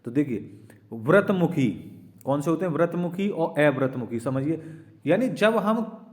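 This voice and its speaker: A man's voice: on the high side, lively intonation, a little slow. A man teaching an exam-prep lesson, patiently explaining and sounding out vowels, often asking "right?" and calling his students children. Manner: demonstrates vowel sounds aloud.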